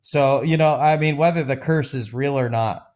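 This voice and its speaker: A man's voice: medium pitch, moderate pace. A man from Denver, a podcast guest, talking casually and enthusiastically with many restarts. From Denver, Colorado. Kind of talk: casual conversation.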